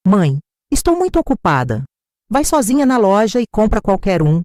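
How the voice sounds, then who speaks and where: A woman's voice: mid-range voice, big pitch swings, moderate pace, dark tone, no room sound, clean studio sound, voice pushed up, lightly acted. A woman voicing a curt, impatient adult daughter who brushes off her mother. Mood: dismissive. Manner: dismissive, brusque.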